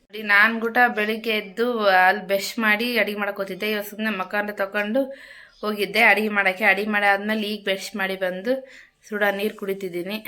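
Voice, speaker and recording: A woman's voice: medium pitch, level tone, fast talker, sharp tone. A woman chatting casually to her viewers at home in a vlog, repetitive and friendly. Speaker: vlogger. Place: home kitchen.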